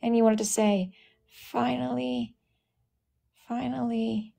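A woman's voice: a little high, level tone, slow pace, gravelly, mellow, faint music behind. A woman hosting a casual live stream, sassily scolding commenters by name and repeating phrases for emphasis. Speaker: livestream host.

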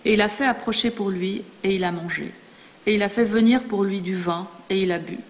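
Woman reading scripture, slow and solemn, long echo in a big hall. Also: mid-range voice, slight background noise. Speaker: scripture reader. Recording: long reverb in a large hall.

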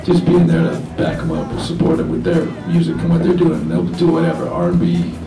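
With a fairly high, fairly quick voice and some vocal fry, this reggae singer from New Zealand, in his thirties, rambles easily through panel answers full of fillers. The table mic in the meeting room sits at a distance, giving a roomy sound, with music playing behind him.

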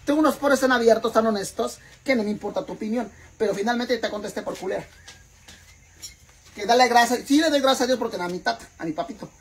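A man's voice: very high-pitched, fast talker, low-quality recording. A man doing a casual vlog rant to his followers, theatrical and profane, eating while he talks. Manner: theatrical, profane, mock-indignant, keeps calling viewers "sisters"; eating on camera while talking. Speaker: vlogger.

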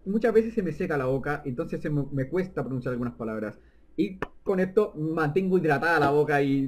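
A man's voice: fairly high pitch, a little mellow, slight background noise. A young man giving casual, jokey gameplay commentary. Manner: jokey, rambling asides.

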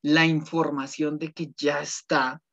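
A man's voice: a little high, flat delivery, a little slow, gravelly, fairly bright tone. A male ethics teacher, giving an online class in a conversational way, often checking in with students and rephrasing his points. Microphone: computer mic on a video call. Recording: dull lo-fi video call audio.

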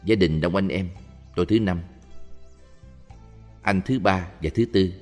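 A man reading a Buddhist story and memoir aloud in a steady, even voice. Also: low voice, a little slow. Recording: reverberant with faint music.

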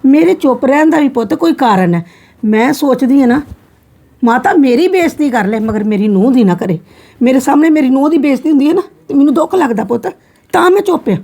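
Gentle middle-aged grandma played by a woman, placating and affectionate, high voice. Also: expressive, fast talker, creaky, heavily acted. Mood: soothing. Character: soft-hearted middle-aged grandmother, mother-in-law. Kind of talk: scripted family drama.

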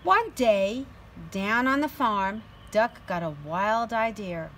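Reading a picture book to children in slow storytelling fashion, a middle-aged woman sits outdoors on a patio. She has a mid-range, fairly bright voice with lively intonation and a slow pace, and the clip includes some background noise and outdoor ambience.

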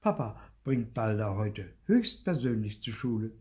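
A man's voice: on the low side, very animated, measured pace, a little mellow, pitched above the performer's own voice. An older man voicing a firm mother who scolds her son in a storybook reading.

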